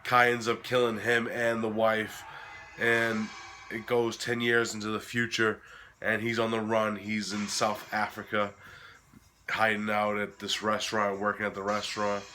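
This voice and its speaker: A man hosting a casual film review while sick, his voice cracking, talking in a halting, informal, sweary way. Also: lowish voice, monotone, pushed and bright, a little hiss or hum. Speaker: host of a horror film review series.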